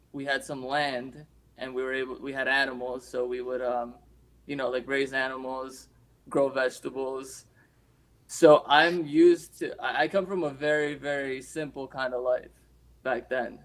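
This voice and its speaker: A man from Romania, a guest in a casual interview, talking in a relaxed, reflective way with many pauses and fillers. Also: mid-range voice, poor audio. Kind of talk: casual conversation.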